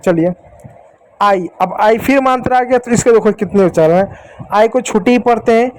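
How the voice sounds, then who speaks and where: A high-pitched, slightly mellow male voice leads a Hindi phonics class for children, explaining English letter sounds. His delivery is slow and patient, with repeated example words and frequent "ठीक" checks, all on a rough recording.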